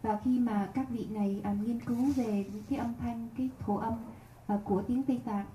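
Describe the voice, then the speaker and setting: A woman interpreting a Buddhist teaching in a measured, formal way. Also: a little high, steady tone, warm tone, a little hiss or hum. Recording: echoey room from a distance.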